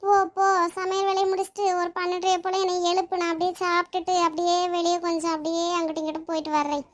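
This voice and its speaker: Very fast and very high, yet level in tone, a woman's voice brings a cartoon mother-in-law to life as a bossy, quarrelsome old woman. She speaks scoldingly, issuing demands and starting fights.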